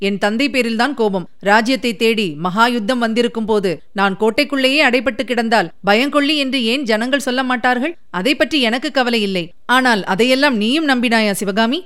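A woman reading the part of a young prince who speaks calmly and reassuringly to his beloved. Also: fairly high pitch, normal speed, clean tone, lightly acted. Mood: earnest. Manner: calm, reassuring.

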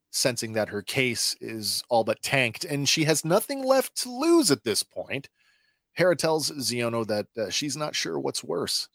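A man co-hosting a podcast, reading a scripted episode recap with lively stresses and then chatting casually. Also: mid-range voice, no room sound, clean studio sound. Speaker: podcast co-host.

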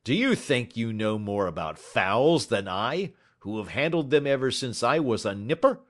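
A man voicing a belligerent, gruff poultry salesman who talks loud and combative in an audiobook story. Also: medium pitch, animated, moderate pace, pitched above the performer's own voice, lightly acted.

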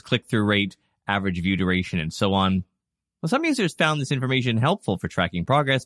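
Animated man presenting podcast news. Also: fairly low pitch, no echo, clean studio sound. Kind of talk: scripted news narration with casual personal asides.

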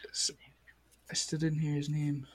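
A man hosting a podcast, chatting casually with crude, excitable banter while straining a sore voice. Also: fairly high pitch, a little slow, slightly rough, dry recording. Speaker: podcast host. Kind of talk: casual chat.

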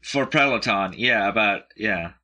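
A man's voice: lowish voice, a little slow, bright, forceful tone. A man chatting casually, rambling and hesitant, often searching for words. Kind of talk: casual chat.

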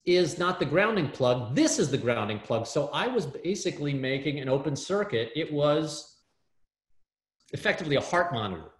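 A man, a guest in an interview, telling a story in an animated way with many fillers and restarts over a video call. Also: fairly high pitch, moderate pace. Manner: excitable, lots of fillers and restarts. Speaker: guest, startup hardware builder. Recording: roomy echo.

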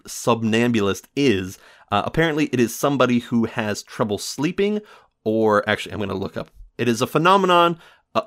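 A man's voice: medium pitch, a bit bright. A man hosting a casual film review show, rambling with many fillers and self-corrections and laughing often.

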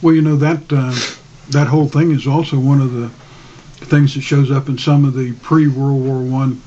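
Male discussion guest, dark mellow tone, measured hesitant explainer, slightly muffled sound. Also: medium pitch, steady tone.

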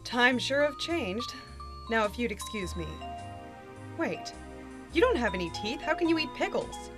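A bossy supermom housewife, played by a woman, rattling off her busy life at a brisk, breathless clip. Her voice sits mid-range, with music playing clearly behind her. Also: mid-range voice, animated, lightly acted. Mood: awkward. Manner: brisk and breathless, then clipped and awkward.

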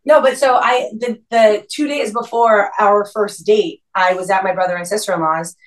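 A woman in her thirties with a New Jersey Italian-American accent, a podcast guest telling a story in an animated way and saying "like" a lot. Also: mid-range voice, moderate pace, recorded from a distance, rough recording. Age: 30s. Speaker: podcast guest, restaurant co-owner. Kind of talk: casual chat.

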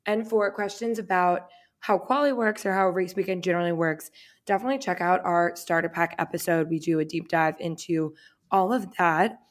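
Woman, twenties, from Boston, lower voice, upbeat, chatty podcast co-host. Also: fairly even intonation, moderate pace. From Boston, USA. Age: 20s. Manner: upbeat, chatty, says "like" often. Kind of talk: casual podcast chat.

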